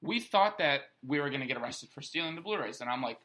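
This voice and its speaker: A young man co-hosting a podcast, telling a story in an animated way among friends. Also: fairly high pitch, fast. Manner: animated storyteller, acts out quotes, swears casually. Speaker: podcast co-host. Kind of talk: casual chat, storytelling.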